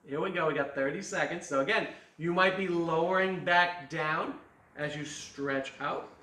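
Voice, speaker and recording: A man's voice: fairly high pitch, normal speed, bright, forceful tone, echoey room, recorded from a distance. A man as fitness coach, leading a guided stretching class with jokes and countdowns. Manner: joking, upbeat instruction with counting. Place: fitness studio.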